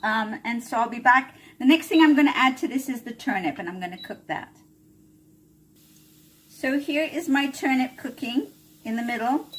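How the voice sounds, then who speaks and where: A woman's voice: fairly high pitch, animated, moderate pace. A woman hosting a home cooking video, explaining a recipe in a casual, chatty way and often checking in with "all right?". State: coughing a little from chili fumes. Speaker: cooking channel host. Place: home kitchen.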